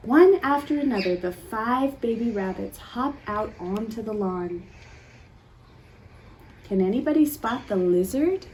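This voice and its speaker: A children's storytime reader, her voice a little high, acts out a picture book for young kids with lively theatrical gasps and pauses, stopping to ask them questions. The recording is rough, with slight background noise.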